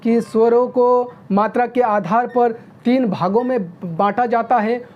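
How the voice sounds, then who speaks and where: A woman teaching a video grammar lesson, who often checks in with "okay?" and sounds out vowels slowly. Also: fairly high pitch, steady tone. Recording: dull lo-fi recording.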